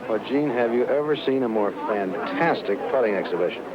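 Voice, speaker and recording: A man's voice: expressive, fairly quick, a crowd in the background. A man presenting a golf broadcast in a conversational sports-host style. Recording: muffled old broadcast, loud rumbling outdoor noise.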